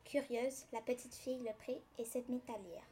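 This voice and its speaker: A woman narrates a children's story gently and evenly. Her voice sits a little high, with faint room ambience behind it. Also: steady tone, moderate pace, a little hiss or hum. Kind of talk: storybook reading.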